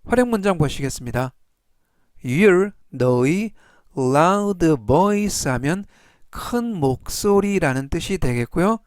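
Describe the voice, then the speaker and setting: A man teaching English vocabulary, repeating each word three times and reading example sentences slowly in a formulaic teaching delivery. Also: high voice, expressive, clear, resonant tone, no echo, studio quality. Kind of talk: slow instructional explanation.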